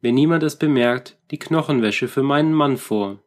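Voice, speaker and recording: A man reading a storybook, voicing a poor widow who answers quietly and timidly. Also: medium pitch, normal speed, close to an everyday voice.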